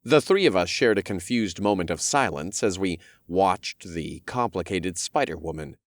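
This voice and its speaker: A man's voice: low-pitched, lively intonation, normal speed, dry recording, studio quality. A man narrating a fantasy audiobook in the first person, with wry storytelling.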